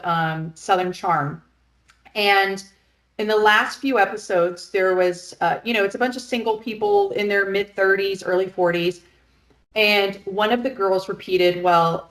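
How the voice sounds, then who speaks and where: A woman's voice: medium pitch, fairly bright tone. A woman in her thirties co-hosting a podcast, chatting casually, blunt and frank and swearing freely. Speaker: podcast co-host. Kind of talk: casual chat. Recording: roomy echo.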